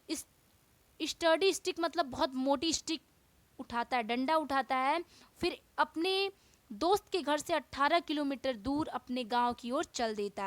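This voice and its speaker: A woman teacher explaining a textbook chapter, reading English lines slowly and then explaining them at length. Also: sits high, fairly bright tone, no room sound.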